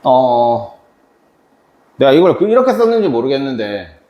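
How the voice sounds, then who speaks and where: Lively-voiced male math teacher, echoey room. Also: medium pitch, measured pace, lo-fi sound. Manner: chatty, quizzes students by name. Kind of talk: classroom math lesson. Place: classroom. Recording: echoey classroom.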